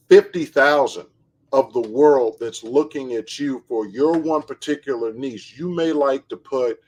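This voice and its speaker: Measured man hosting a chat. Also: medium pitch, low-quality recording. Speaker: show host, basketball trainer. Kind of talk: casual interview talk.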